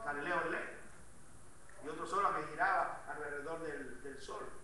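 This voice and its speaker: A male pastor with a Latin American Spanish accent preaches to his congregation, his high, sharp voice jumping between forceful calls and soft asides. He is picked up from a distance, and the church is very echoey. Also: moderate pace, slight background noise. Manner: preaching, swings between loud emphatic calls and quiet asides; asks the congregation questions. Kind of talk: Sunday sermon. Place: church sanctuary.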